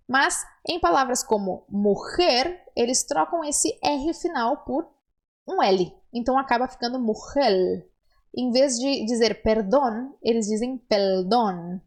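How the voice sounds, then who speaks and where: A young adult woman with a southern Brazilian accent teaching a language lesson, patiently explaining and modeling words slowly for the listener to repeat. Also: high voice. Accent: southern Brazilian Portuguese. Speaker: Spanish teacher.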